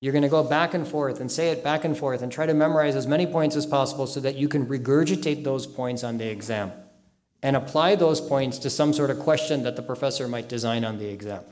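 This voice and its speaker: A man giving an earnest religious lecture, stressing key phrases by slowing down and reciting short Arabic supplications. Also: mid-range voice, a little mellow. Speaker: Islamic lecturer.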